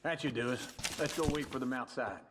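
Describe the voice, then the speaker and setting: A man's voice: medium pitch, a little fast, heavy background noise, natural voice. A man playing a cheerful, folksy old outlaw with an American accent in a video game. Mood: folksy, jovial.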